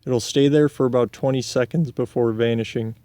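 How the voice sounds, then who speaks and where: A man reading scripted video game narration in a deadpan manner, with casual asides. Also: mid-range voice, fairly quick, no room sound, clean studio sound.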